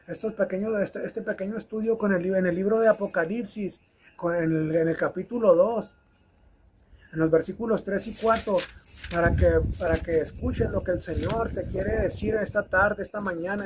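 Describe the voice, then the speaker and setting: A man's voice: high-pitched, husky. A man preaching a recorded video sermon, fervently exhorting his listeners and repeating phrases for emphasis.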